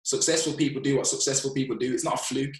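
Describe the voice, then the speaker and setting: A man's voice: mid-range voice, steady tone, fast, roomy sound. A man with a London roadman accent speaking as a podcast guest in casual chat, opinionated and emphatic, full of slang. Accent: London roadman, urban slang.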